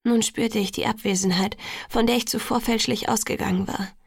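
Brief: woman narrator, gravelly texture, dry close studio sound, measured audiobook read. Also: fairly high pitch, steady tone, no room sound. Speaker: audiobook reader. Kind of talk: first-person audiobook narration.

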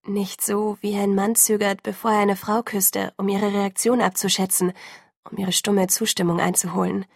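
A woman reading first-person scripted narration of an audiobook in a calm, measured way. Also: mid-range voice, gravelly, no room sound, clean studio sound.

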